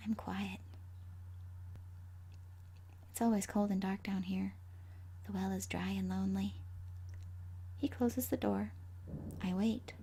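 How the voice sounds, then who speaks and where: A woman voicing the gleefully vengeful ghost of a five-year-old girl in a horror story, hushed and haunting, breathy, often slipping into a whisper. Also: medium pitch, steady tone, a little slow, pauses often, a little hiss or hum. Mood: eerie, hushed. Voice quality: breathy, husky. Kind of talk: first-person horror story narration.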